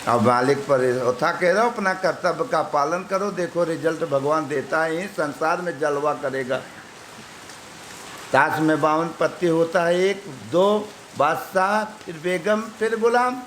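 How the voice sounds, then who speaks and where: A high-voiced man with an eastern Uttar Pradesh Hindi accent delivers an unhurried devotional sermon. His talk is folksy, built on proverbs and everyday examples. The recording is echoey, with a faint hiss underneath. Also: a bit bright. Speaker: spiritual teacher. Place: ashram gathering.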